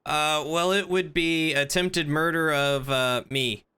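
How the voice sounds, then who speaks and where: Man playing a clear, laid-back surfer-dude cop. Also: on the high side, fairly even intonation, slow, bright, forceful tone, voice pushed up. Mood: laid-back, casual. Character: chill, slightly dim surfer-dude police trooper, male. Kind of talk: improvised game role-play.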